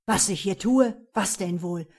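A woman reading aloud and voicing a violent, jealous man who snarls and shouts his accusations. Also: mid-range voice, a little slow. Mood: furious. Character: jealous, violent adult man, menacing and possessive.

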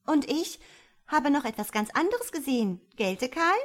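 Brief: shrill teasing little girl, very high and loud, put on by a woman narrator. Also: big pitch swings, normal speed. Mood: sly. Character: little girl, cheeky teasing youngest sister.

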